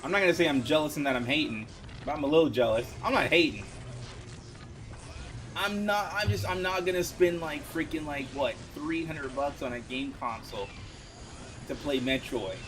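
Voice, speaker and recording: A man streaming a game live, chatting casually in a rambling, excitable way with many restarts. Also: a little high, moderate pace. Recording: game music playing behind.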